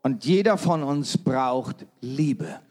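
A man interpreting a sermon live, phrase by phrase, with quick restarts and fillers. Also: medium pitch, lively intonation, a little mellow.

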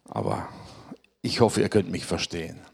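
This pastor's sermon comes through a cold that has roughened his deep, darkish voice, which swings widely in pitch at a normal speed. He keeps things conversational, regularly addressing the congregation with tag questions.

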